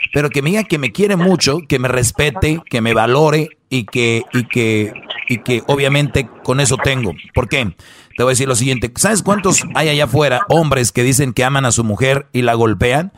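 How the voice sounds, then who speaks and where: Male advice host, average pitch, conversational and emphatic, driving points home through repetition. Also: dry recording. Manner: opinionated, repeats points for emphasis, rhetorical questions. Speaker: radio advice show host.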